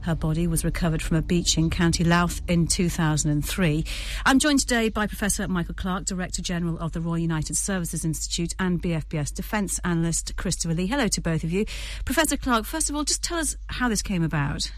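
Female current affairs presenter, lowish register, interviewing experts. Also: lively intonation, a little fast, no room sound. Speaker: news programme presenter and interviewer.

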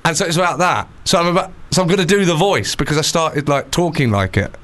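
A man's voice: a little high, a bit bright, a little hiss or hum. Jokey man hosting a chat show. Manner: jokey, self-deprecating, quick asides. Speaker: podcast host. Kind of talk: casual chat.

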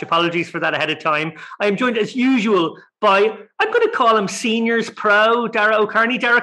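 A man's voice: high-pitched, pushed and bright. A man hosting a podcast with a jokey, upbeat manner, recorded with echoey sound in a large empty tiled room. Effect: echoey sound from a big tiled room. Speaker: podcast host. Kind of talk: casual podcast chat.

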